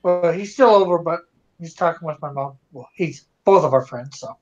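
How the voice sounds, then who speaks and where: A man's voice: on the high side, normal speed, a little mellow. A man from Canada chatting casually on a live stream, laughing often. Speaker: guest YouTuber. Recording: slightly dull lo-fi audio.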